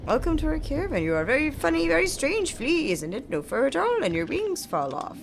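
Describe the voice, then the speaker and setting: Woman as a grandiose flea caravan showman, swooping pitch. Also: huge pitch swings, a little fast, vocal fry, a little hiss or hum, exaggerated voice. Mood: jovial, teasing. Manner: grandiose, theatrical, old-fashioned formal phrasing. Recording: music playing behind the voice.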